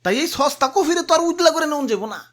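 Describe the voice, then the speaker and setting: A stingy, vain young shopper voiced by a woman grumbles and reasons at speed in a high voice. The scene sounds like a cartoon, with faint music behind. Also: big pitch swings, very fast, fairly bright tone. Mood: grumbling. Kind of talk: cartoon voice acting.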